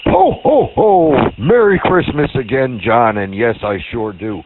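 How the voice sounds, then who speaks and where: A man's voice: mid-range voice, expressive, measured pace, background noise. A man playing a jolly old Santa Claus, heard over a two-way radio transmission, with hearty ho-ho-ho laughs. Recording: tinny radio channel.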